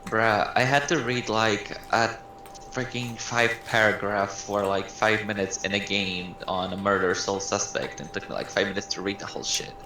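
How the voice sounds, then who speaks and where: A man's voice: fairly low pitch, fairly even intonation, moderate pace. A man teasing his friend in a casual argument, dismissive and mocking. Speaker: streamer's friend. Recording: roomy, noisy, off-mic.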